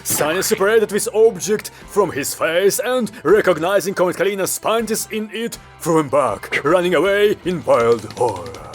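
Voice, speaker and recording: A man narrating an audiobook in a lively, expressive storytelling manner. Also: high-pitched, moderate pace, hardly any pauses. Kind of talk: scripted narration. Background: background music.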